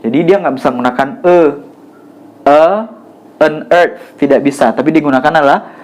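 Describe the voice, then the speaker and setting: A man giving a casual grammar lesson, explaining step by step and repeating each example slowly. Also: a little high. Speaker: English teacher.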